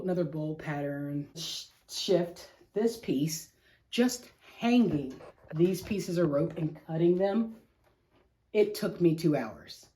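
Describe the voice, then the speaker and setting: A woman's voice: low voice, mellow. A middle-aged woman hosting a craft vlog, chatting casually in a rambling, slangy way with self-deprecating humor. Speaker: craft show host.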